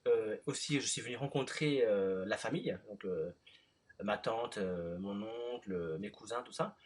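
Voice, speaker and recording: Husky French man chatting. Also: lowish voice, a little slow. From France. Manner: relaxed, many fillers and short backchannels. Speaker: interviewer. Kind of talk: casual interview chat.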